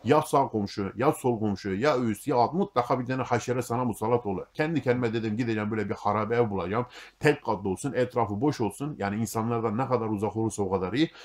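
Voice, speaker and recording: Fast-talking, low-voiced, cursing man. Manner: blunt and heavy on profanity; grumbling and fatalistic. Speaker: YouTube monologue host. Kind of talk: casual storytelling monologue.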